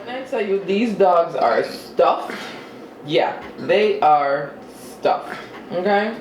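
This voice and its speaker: Slow, roomy mukbang vlogger chatting. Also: mid-range voice, expressive. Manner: eats while talking, with chewing and mm-hmm sounds; chatty and self-deprecating. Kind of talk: casual eating vlog chat. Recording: roomy with faint ambient noise.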